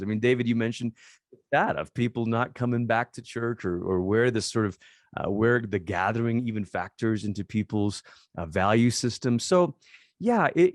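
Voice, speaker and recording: A man who grew up in Malaysia, speaking as a pastor on a podcast. His voice sits low and is recorded dry and close. He talks in an earnest, reflective way and often restarts his phrases. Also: darkish tone, no room sound. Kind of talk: conversational podcast interview.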